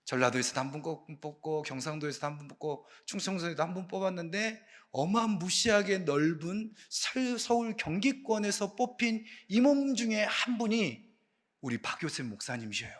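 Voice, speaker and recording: A man with a fairly high voice gives a relaxed sermon from the pulpit, like an associate pastor at a late-night prayer meeting. He talks in a chatty, joking way and keeps turning to the congregation with questions. His pitch and loudness jump around as he stresses his points. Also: moderate pace. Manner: lively swings in pitch and loudness for emphasis. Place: church sanctuary.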